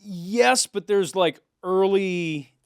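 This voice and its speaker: A man in his twenties co-hosting a podcast, chatting in a relaxed way with short agreeing replies. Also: high voice, extremely slow, smooth, no room sound, studio quality. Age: 20s. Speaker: podcast co-host. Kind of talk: casual podcast chat.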